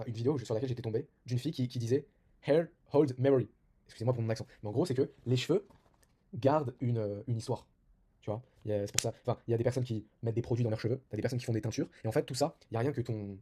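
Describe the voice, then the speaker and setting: A man's voice: medium pitch, dark tone, slightly rough. A young man giving casual self-improvement advice, talking informally with many fillers and restarts.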